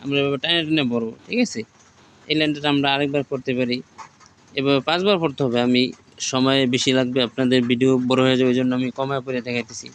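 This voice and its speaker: A man teaching the Arabic alphabet, reciting each letter slowly and drawn out, patient and repetitive. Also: mid-range voice, fairly even intonation, slight background noise. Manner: slow, patient, repeats each line.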